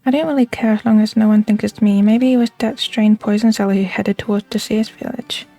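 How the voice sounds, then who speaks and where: A woman voicing a defensive household suspect in a game, quick to put the blame on others. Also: medium pitch, fairly even intonation, mellow, faint music behind, natural voice. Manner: defensive, blaming. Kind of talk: read-aloud game character dialogue.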